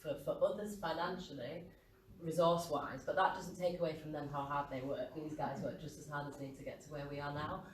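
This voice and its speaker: A woman's voice: low-pitched, fairly even intonation, a little fast. A woman with a broad Yorkshire accent speaking earnestly and plainly in a casual discussion. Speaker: doctoral student. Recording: echoey room, distant mic, noisy.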